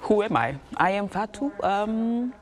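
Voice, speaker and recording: A woman's voice: medium pitch, lively intonation, unhurried. A young woman from Senegal, a guest talking in a friendly, chatty way with fillers. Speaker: guest, K-pop group leader and rapper. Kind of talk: casual interview chat.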